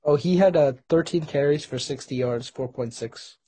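A man's voice: a little high, normal speed, mellow, breathy edge. A man taking part in casual sports chat as a podcast co-host.

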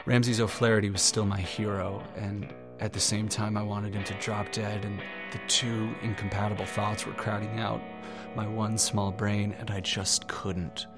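An actor as Juno Steel, low-voiced weary detective. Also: male voice, level tone, moderate pace, hardly any pauses, close to an everyday voice. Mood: weary, confessional. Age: 30s. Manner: wry, confessional. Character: world-weary, wry, self-doubting noir detective of 39. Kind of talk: first-person noir narration in audio drama. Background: plucked guitar music.

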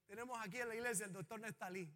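A man preaching a sermon as pastor of his church, with an impassioned delivery that swells to loud, fervent peaks. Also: high voice, racing, big-room sound.

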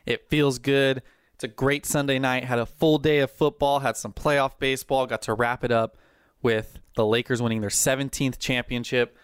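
Sports podcast host, man, mid-pitched and clean-toned, talks fast and keen like a hyped-up fan. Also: smooth, dry recording, clean studio sound. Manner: energetic, rambling, fan enthusiasm. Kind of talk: casual sports chat.

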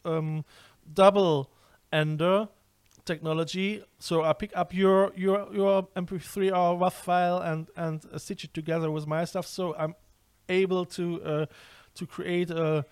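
Hesitant man hosting, higher voice. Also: little pitch movement, measured pace, smooth, dry recording. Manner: hesitant, repeats words, restarts often. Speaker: podcast host. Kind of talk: casual interview over a video call. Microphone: video call.

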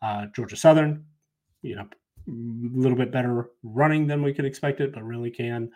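A man co-hosting a sports podcast, laying out model projections in a measured, hesitant way with many fillers. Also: mid-range voice, mellow. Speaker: podcast co-host. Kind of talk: casual sports analysis chat.

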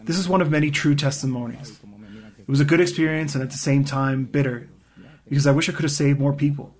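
A man reading a first-person testimony as a voice-over interpreter, earnest and measured. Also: fairly high pitch, fairly even intonation, a little mellow.

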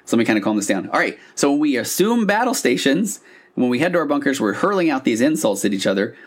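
Fast and very animated, this man with a mid-range voice hosts a conversational solo podcast explainer. He speaks informally into a podcast mic on a stand, breaking things down like a couples therapist would.

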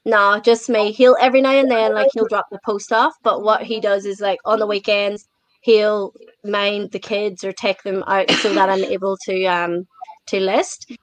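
A woman's voice: mid-range voice, moderate pace, no echo. Laughing Irish woman in a dry booth. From Ireland. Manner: laughs easily, relaxed and candid, lots of "like". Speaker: guest, online reseller. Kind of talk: casual interview chat.

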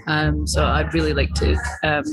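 A woman's voice: low voice, little pitch movement, normal speed, a loud crowd, low-quality recording. A woman in a band, chatting casually as a guest, with lots of fillers. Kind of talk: casual chat.

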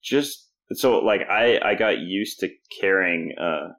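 Low-pitched young canadian man, podcast guest, animated and laughy, does the other people's voices in his stories. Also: takes it slowly. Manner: animated storyteller, laughs often, jumps into quoted voices. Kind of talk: casual storytelling interview.

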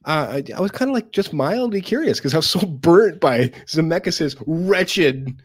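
A man who sounds slightly hoarse and sick with a cough, giving halting, emphatic, sweary film reviews in casual chat. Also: a little high, animated, dry recording, studio quality. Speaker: podcast co-host.

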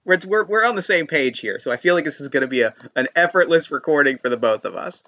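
A man recorded on a fuzzy laptop microphone, hosting a casual interview in an excited, informal way. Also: fairly high pitch, quick pace, dry recording, highs cut off. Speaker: podcast host. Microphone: built-in laptop microphone.

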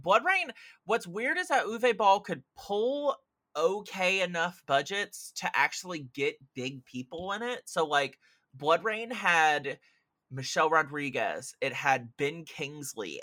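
On a clean studio recording with no echo, a mid-range male voice holds forth about movies on his podcast. His talk is casual but emphatic, full of strong opinions, animation and the odd profanity.

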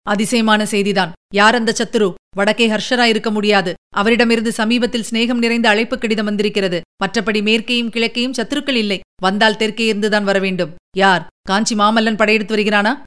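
Woman reading emperor, male, proud, commanding, stately, formal, audiobook, smooth clear voice. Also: mid-range voice, fairly even intonation, fairly quick, hardly any pauses, a bit bright, natural voice. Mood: impatient. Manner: stately, formal, pleading then insistent.

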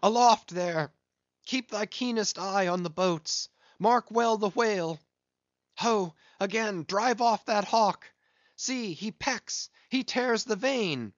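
A man voicing a grave, fearful first mate who murmurs low and breaks into urgent, high cries, on dull, dry audio. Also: animated, slow, fairly bright tone, no room sound. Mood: frantic.

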